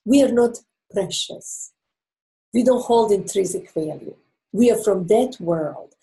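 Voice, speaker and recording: An interview guest with a Croatian accent, who speaks Croatian natively, gives earnest, explanatory relationship advice punctuated by emphatic pauses. Her mid-range voice is expressive and warm, though the recording is low quality.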